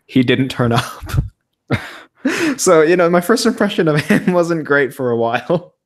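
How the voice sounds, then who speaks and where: A man's voice: on the high side, expressive, measured pace. A young man chatting casually on a podcast, rambling and laughing at himself. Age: young adult. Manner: chatty, self-deprecating, laughs often. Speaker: podcast co-host. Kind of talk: casual chat.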